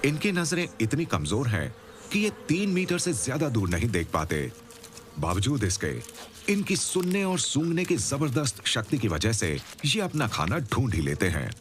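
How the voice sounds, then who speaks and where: A man narrating a nature documentary from a script, with a measured, explanatory storytelling delivery. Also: medium pitch, big pitch swings, a little hiss or hum.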